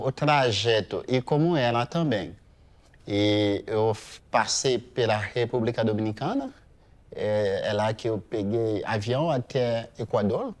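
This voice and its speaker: A man in his thirties from Haiti giving a hesitant museum testimony, pausing often with fillers. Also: mid-range voice. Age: 30s. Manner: slow, hesitant, many pauses and fillers. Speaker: interviewee.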